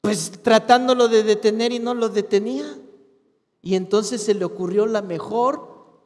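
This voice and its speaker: A man, a pastor with a Mexican Spanish accent, preaching a sermon in an animated, colloquial storytelling way. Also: high-pitched. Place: church hall. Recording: long hall reverb.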